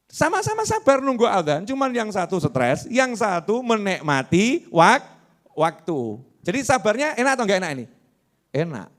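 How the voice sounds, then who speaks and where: A male preacher giving a lively sermon, asking the audience questions and answering them himself. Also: high-pitched, moderate pace.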